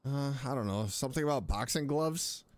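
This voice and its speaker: A man streaming a game offers casual reaction commentary, muttering playful asides and often repeating himself. His voice is mid-range and fairly quick, with no room sound.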